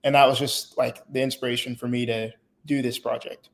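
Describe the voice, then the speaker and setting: A man's voice: mid-range voice, level tone, brisk, vocal fry. A young man in his late teens, born in Haiti, answering interview questions in a hesitant way with fillers and restarts. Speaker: guest.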